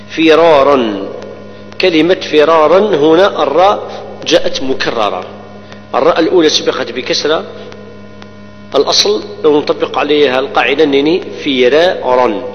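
Man teaching Quran recitation in a hall. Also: a little high. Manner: explains rules, then recites words slowly and repeats them. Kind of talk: tajweed lesson with recited examples. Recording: dull lo-fi recording with long reverb and hum.

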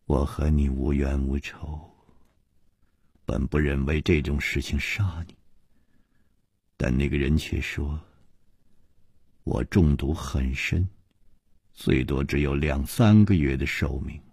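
A male storyteller voicing a poisoned, resigned man who speaks low and close to a whisper. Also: steady tone, slow pace, creaky, long pauses, slightly rough, no echo, heavily acted. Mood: grim. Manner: low, hushed, near-whispered. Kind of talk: Chinese storytelling broadcast.

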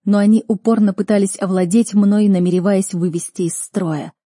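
A woman narrating a first-person audiobook in an earnest, expressive manner. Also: medium pitch, moderate pace, dry recording, studio quality.

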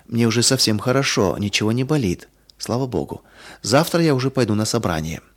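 Man reading as a sweet old lady teacher, soft and soothing, pretty plain voice. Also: mid-range voice, animated, fairly quick, lightly acted. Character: kind elderly woman, gentle church teacher.

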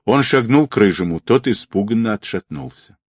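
A deep, low male voice narrating an audiobook with lively, wide-ranging intonation. The recording is dry and close, with no room sound around it. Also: moderate pace, no room sound.

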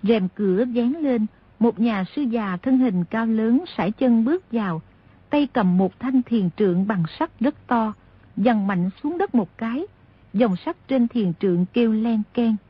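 A woman narrating a novel aloud in steady, expressive storytelling. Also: fairly high pitch, a little slow, slightly rough, dry recording. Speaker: audiobook narrator. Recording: dull lo-fi audio.

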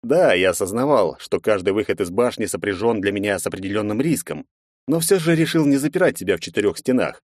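A man narrating a fantasy audiobook in the first person, measured and reflective. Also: fairly low pitch, animated, a little mellow, no echo, studio quality.

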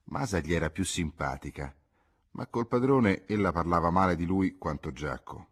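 Low husky male audiobook narrator. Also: expressive. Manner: measured literary reading. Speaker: audiobook reader. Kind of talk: scripted narration.

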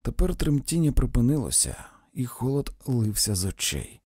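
A man narrating a literary short story as an audiobook reader, slow and expressive. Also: mid-range voice, slightly rough, no echo, studio quality.

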